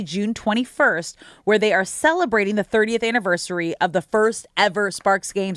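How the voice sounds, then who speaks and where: A woman's voice: medium pitch, a bit bright, no room sound, studio quality. An American woman, a sports radio host, reading out a contest promo in an upbeat announcer style.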